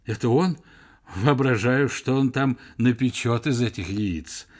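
A man's voice: mid-range voice, measured pace, a little mellow, close to an everyday voice. A man reading the part of an agreeable male junior lecturer who agrees with his professor. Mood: amused.

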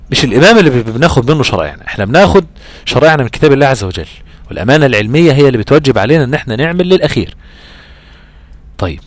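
A man with an Egyptian accent teaching Quran recitation rules in a lively, conversational way, acting out imagined student questions. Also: medium pitch, no echo. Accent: Egyptian Arabic. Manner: animated, acts out imagined student exchanges, drawn-out recitation examples. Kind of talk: Egyptian colloquial tajweed lesson.

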